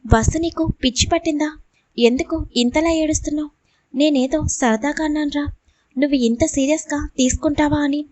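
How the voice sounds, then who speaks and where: A woman's voice: high-pitched, brisk, a little mellow, no room sound, natural voice. Woman reading as a teasing young husband. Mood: soothing. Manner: playful, soothing. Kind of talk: audiobook character reading.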